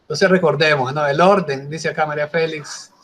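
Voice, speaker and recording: Male lecturer, higher-pitched, slight background noise, explanatory and patient. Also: fairly even intonation, fairly quick, fairly bright tone. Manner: explanatory, with frequent tag questions. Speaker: teacher. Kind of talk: online class lecture.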